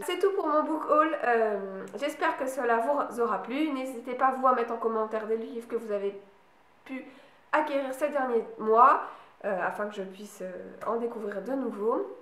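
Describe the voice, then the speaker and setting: A woman's voice: fairly high pitch, a bit bright, roomy sound. A woman vlogging casually about books she bought, hesitating often with fillers and restarts. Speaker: book vlogger. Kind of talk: casual book haul chat.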